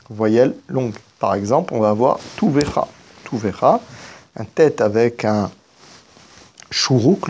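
A teacher of biblical Hebrew grammar gives a spoken lesson in a lowish, husky voice with a darkish tone. He explains each rule step by step, occasionally pausing to correct himself.

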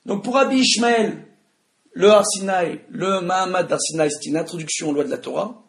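A man with a Tunisian French accent teaching a religious study class to an audience in a room. He speaks loudly and with emphasis, and often asks his listeners questions. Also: high voice, moderate pace. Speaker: Torah teacher. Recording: echoey room.

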